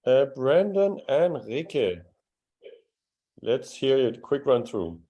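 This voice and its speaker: A man's voice: mid-range voice, big pitch swings, slow pace, mellow, husky. A man teaching a live beginner language class, patient and encouraging as he explains pronunciation step by step. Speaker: Danish teacher.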